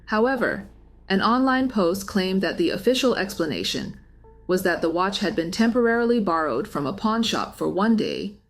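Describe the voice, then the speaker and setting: A woman narrates in a scripted documentary style. Her pitch sits in the middle range, and faint music plays beneath her voice throughout. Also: big pitch swings, normal speed.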